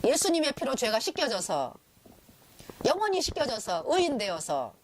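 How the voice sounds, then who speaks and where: High pitched lady preaching, lots of "uh" fillers, bit of background hiss. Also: wildly swooping pitch, normal speed. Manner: explains with many fillers, acts out quoted prayers. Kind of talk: sermon. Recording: faint background noise.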